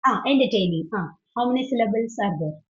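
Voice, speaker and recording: A woman's voice: on the high side, expressive, extremely slow. A woman teaching an online English grammar class, patient and questioning, often switching into English as she explains. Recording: dull lo-fi online call audio.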